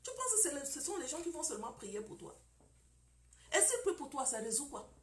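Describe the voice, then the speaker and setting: A woman's voice: high voice, very animated, fairly quick, roomy sound, slight background noise. A woman preaching about marriage, emphatic and repetitive, firing off rhetorical questions.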